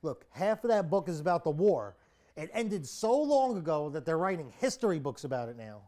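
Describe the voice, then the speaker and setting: A man playing a high-pitched, babbling young slacker. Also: sing-song, normal speed, dark tone, a little hiss or hum. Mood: indignant, nervous. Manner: pleading, babbling, whiny. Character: cowardly, irresponsible young male slacker pleading for his life. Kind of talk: naturalistic comic-dramatic acting.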